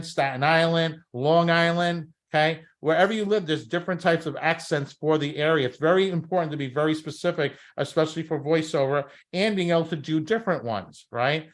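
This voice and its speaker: Brooklyn man coaching, higher-pitched voice. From Brooklyn, New York. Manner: emphatic, often tagging phrases with "okay?" and "right?". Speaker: talent scouting coach and presenter. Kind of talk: instructional presentation.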